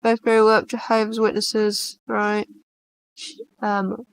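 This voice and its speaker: A woman's voice: medium pitch, monotone, slow pace. A woman, co-hosting a stream in casual, blunt chat and reading posts aloud. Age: 20s. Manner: chatty, blunt, swears casually. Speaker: stream co-host.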